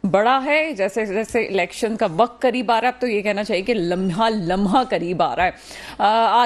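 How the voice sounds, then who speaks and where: A young woman hosting a political TV talk show, unwell with a cold, speaking in a measured, questioning way with frequent hesitations. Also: a little high. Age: young adult. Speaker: news show host.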